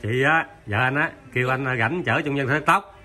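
A man's voice: mid-range voice, moderate pace, sharp tone. A man with a Mekong Delta Vietnamese accent hosting a vlog, chatting casually and teasing, laughing often. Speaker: vlog host. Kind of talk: casual chat.

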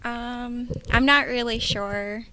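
A woman in her twenties gives tentative, casual interview answers into a handheld microphone that the interviewer holds out. Her voice is a little high, slow, and steady. Faint background noise and clicks can be heard.

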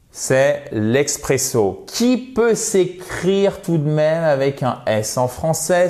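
A man teaching English pronunciation in an online lesson, patient and friendly, modelling words slowly and checking in often. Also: medium pitch, a little mellow.

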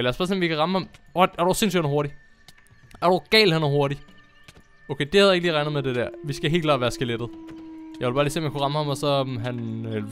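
A young man chatting casually as he plays a game on his channel, excitable and quick to laugh. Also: mid-range voice. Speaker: gaming YouTuber. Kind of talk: casual Minecraft commentary.

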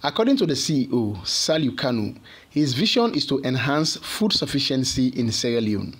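A male news reporter reads a scripted voice-over in a measured, even delivery. His voice has a husky, slightly breathy grain. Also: mid-range voice.

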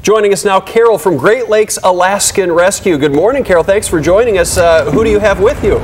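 A man in his thirties anchors a morning news show, reading lines with practiced polish. His voice runs a bit high, and a clear steady noise sits behind him. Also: fairly quick. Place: TV studio.

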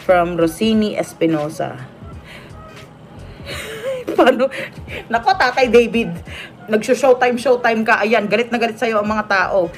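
A woman chatting on a live stream, reading out viewer comments between frequent laughs. Her voice sits a little high for a woman, and faint music plays behind her. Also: moderate pace. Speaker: livestream vlogger reading comments. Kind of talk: casual livestream chat. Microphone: phone or webcam on a live stream.

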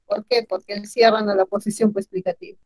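A woman teaching grammar in an online class, animated and asking her students questions often. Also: medium pitch, fairly quick, dry recording, rough recording.

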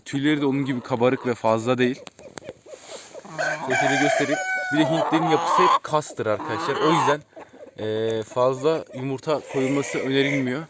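A man casually showing viewers around his outdoor chicken coops, chatting to them as friends and calling out to his birds. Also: mid-range voice. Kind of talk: casual vlog narration. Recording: noisy outdoor audio with chickens clucking and roosters crowing. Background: hens clucking and roosters crowing.

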